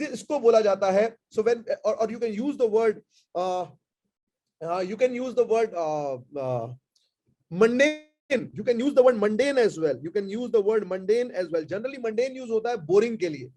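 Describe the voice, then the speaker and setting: A man with an Indian English accent teaching vocabulary in a live online class, mixing Hindi and English and repeating key words slowly so they can be noted down. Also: high voice, mellow.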